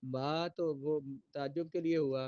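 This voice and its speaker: A man teaching an Arabic grammar lesson, reading each sentence slowly and then translating and explaining it. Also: on the high side, steady tone, mellow, no room sound, lo-fi sound.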